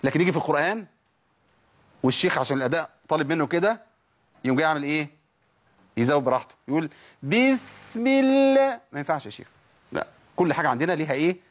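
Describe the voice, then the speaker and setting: A man's voice: fairly high pitch, rapid-fire, long pauses, fairly bright tone. A man with an Egyptian accent teaching a tajweed lesson, asking rhetorical questions and drilling letter sounds aloud. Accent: Egyptian Arabic. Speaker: Quran recitation teacher.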